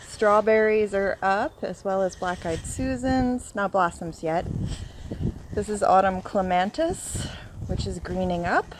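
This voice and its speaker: A home gardener with a medium-pitched voice gives a casual walk-through of her yard, filming on her phone as she goes. Slightly out of breath after a run, she chats and lists plants, unsure of some names. The low-quality outdoor recording carries a little hiss or hum.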